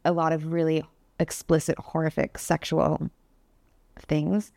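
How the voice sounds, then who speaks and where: A woman speaks in a lowish, even voice with little rise and fall, telling her story candidly to a podcast host. She talks earnestly and says "like" and "you know" often. The sound is close and dry, with no room echo. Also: a little slow, creaky. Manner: earnest, candid, many fillers. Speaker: podcast guest. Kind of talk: interview storytelling.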